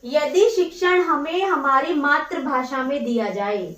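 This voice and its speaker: Her voice high, a bit bright, and unhurried, a woman teacher leads a slow dictation of exam revision notes. She repeats phrases word by word and quizzes herself aloud, then supplies the answers. The room echoes and she sounds far away.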